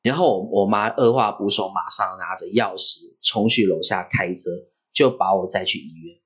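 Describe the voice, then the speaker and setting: A man, hosting a podcast and telling a story in a vivid, animated way. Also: deep voice, normal speed, husky. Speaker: podcast host.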